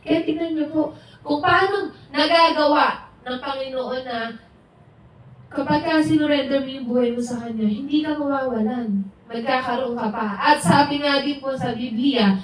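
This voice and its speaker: Her voice sits high and moves at a normal speed as she delivers a casual, conversational sermon in a house church's gathering room, borrowing English words and playing out her friends' lines. The recording picks up heavy echo, faint hiss, and a far-off microphone.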